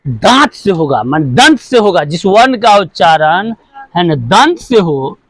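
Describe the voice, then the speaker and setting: High-voiced man drilling a grammar lesson. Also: big pitch swings, a little slow, no echo. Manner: repetitive, asks and answers his own questions; drills sounds one by one. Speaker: teacher.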